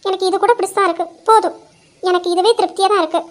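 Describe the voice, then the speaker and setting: A young woman telling a dramatized story, speaking in a soft, earnest and protective way. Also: extremely high pitch, fairly even intonation, rapid-fire. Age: young adult. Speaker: narrator voicing a young wife.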